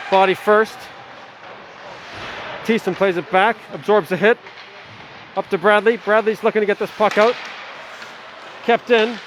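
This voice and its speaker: Calling a hockey game live from the rink, a middle-aged man speaks in a fairly high voice with fast, laid-back play-by-play. Friendly chatter fills the gaps between plays, and the rink's steady noise is clearly heard.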